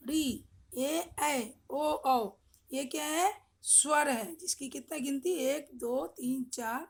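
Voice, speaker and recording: High-voiced lady teacher in an online class, slow and patient, keeps checking kids get it. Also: vocal fry. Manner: explains slowly, repeats questions, frequent "ठीक है".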